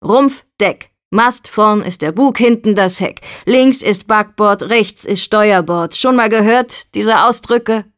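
A woman's voice: mid-range voice, slow, few pauses, lightly acted. A woman reading the lines of an arrogant young man who lectures condescendingly in a story. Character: arrogant bossy young man, boat builder's colleague.

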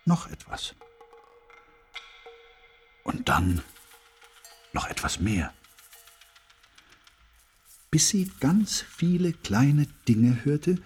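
Man narrator for a kids' storybook, low voice, very clear, slow and expressive. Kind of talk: reading a children's story aloud.

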